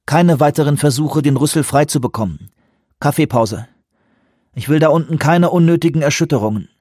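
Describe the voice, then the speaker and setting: A man's voice: fairly high pitch, brisk, a little mellow, no echo, clean studio sound, pitched above the performer's own voice, close to an everyday voice. Man playing a firm male operations chief. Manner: firm, giving orders.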